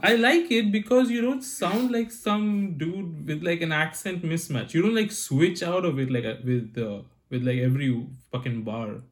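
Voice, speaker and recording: A young man with an Indian accent and a croaky, hoarse voice, co-hosting a casual podcast chat over a video call, excitable, laughing and swearing a lot. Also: a little high, moderate pace, few pauses. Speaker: podcast co-host.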